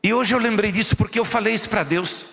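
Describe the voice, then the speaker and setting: This man talks fast in a high voice with vocal fry, and a long reverb tail trails his words. He is a pastor with a Brazilian Portuguese accent giving a church sermon, bringing stories to life by performing the characters' voices.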